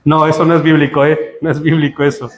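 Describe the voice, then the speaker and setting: A man preaching a sermon to his congregation, joking with them and building to emphatic high peaks. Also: level tone, fast talker. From Spain. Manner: humorous, rising to emphatic peaks. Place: church hall. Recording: echoey church hall.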